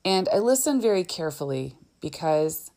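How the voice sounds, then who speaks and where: A woman's voice: fairly low pitch, very animated, normal speed, mellow, no room sound. A mother telling first-person parenting stories in a reflective, earnest and candid way.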